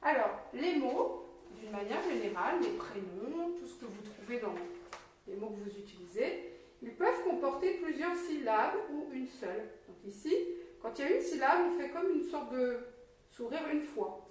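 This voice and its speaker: A woman teacher giving a slow, encouraging reading lesson to a young child, sounding out syllables clearly. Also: a little high, lively intonation, a little hiss or hum. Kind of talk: patient early-literacy lesson. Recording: very echoey room, mic at a distance.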